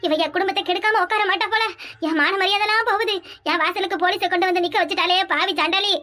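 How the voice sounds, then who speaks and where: A melodramatic old village mother-in-law in a cartoon, acted by a woman, scolding and wailing at full tilt. She has a very high, bright voice, a Kanyakumari Tamil accent, and a rapid, breathless delivery. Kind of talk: cartoon voice acting.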